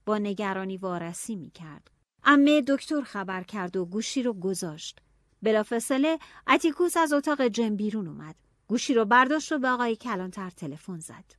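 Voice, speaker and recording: A woman with a mid-range voice narrates a novel in expressive audiobook style, sinking into hushed tones and rising into anxious cries. The clean studio recording has no room sound.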